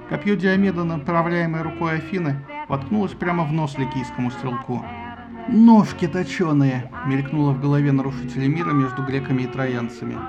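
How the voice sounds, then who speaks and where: A man narrating a humorous myth retelling in a wry, lively storytelling manner. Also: fairly high pitch.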